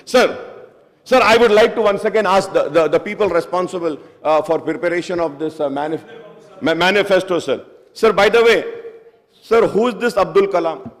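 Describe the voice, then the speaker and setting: A man's voice: sits high, drawn-out words. A man speaking in a legislative assembly debate, addressing the chair as sir again and again and switching between Hindi and English. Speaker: member of a state legislative assembly. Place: large legislative assembly chamber. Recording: long reverb of a large hall.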